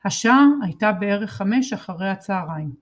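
A woman reads a first-person children's novel aloud. Her reading is lively and expressive, and her voice sits at a middle pitch for a woman. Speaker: storybook reader.

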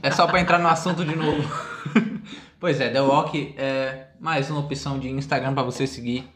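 A man's voice: mid-range voice, fairly even intonation, normal speed, fairly bright tone. A man hosting a casual podcast, moving topics along and speaking to the listeners. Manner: steers the talk, addresses listeners. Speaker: podcast host. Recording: echoey room, faint noise.

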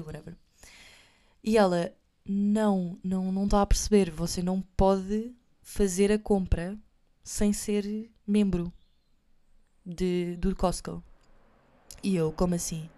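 A woman's voice: mid-range voice, fairly even intonation, measured pace, dark tone. A young woman with a European Portuguese accent telling a story to her viewers in a chatty, self-mocking way, slipping in English phrases. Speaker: vlogger.

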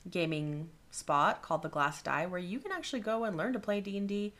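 A woman's voice: fairly low pitch, a little fast, fairly bright tone. A woman co-hosting a podcast in casual chat, reflective and encouraging. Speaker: podcast co-host.

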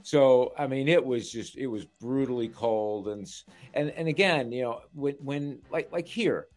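A man's voice: medium pitch, a little slow, a little mellow. An older man, a veteran sportscaster on a radio show, chatting casually and reminiscing with frequent restarts.

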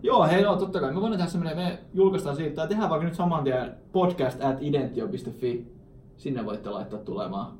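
A man co-hosts a relaxed podcast from an office, rambling and laughing between thoughts. His voice sounds a bit distant from the mic, with a roomy echo around it. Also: on the high side, a little hiss or hum. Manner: rambling, laughs often, mixes in English phrases. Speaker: podcast co-host. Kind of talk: casual podcast chat.

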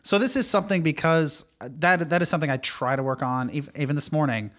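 Fast-talking self-mocking man. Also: fairly high pitch, fairly bright tone. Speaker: podcast co-host. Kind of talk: casual chat.

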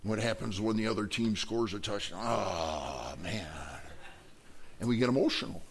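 A man preaching a Sunday morning sermon in an animated way, asking the congregation questions and breaking into loud shouts. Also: on the low side, quick pace, gravelly, slight background noise. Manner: animated, bursts into loud shouts acting out a sports fan; asks the congregation questions, then ends in prayer.

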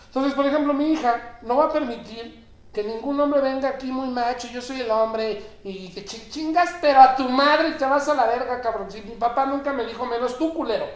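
A man's voice: very high-pitched, a little fast. Profane, emphatic Mexican man in an echoey room. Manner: profane, emphatic storytelling with swings of loudness. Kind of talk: casual podcast conversation.

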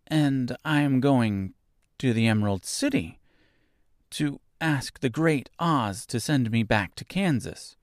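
A man voicing a polite, sympathetic little girl in a storybook, sweet, curious and gently courteous. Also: mid-range voice, expressive, slow pace, no echo, clean studio sound, pitched above the performer's own voice. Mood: surprised.

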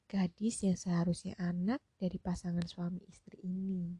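A woman narrating a story in Indonesian in a soft, often half-whispered voice. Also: lowish voice, little pitch movement, moderate pace, breathy edge, dry recording, studio quality. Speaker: audiobook narrator. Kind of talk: slow hushed story narration.

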